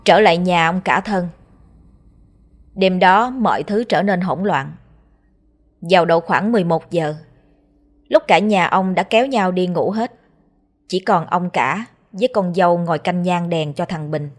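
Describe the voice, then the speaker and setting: A woman with a Southern Vietnamese accent narrating a ghost story in a steady, measured way. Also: fairly low pitch.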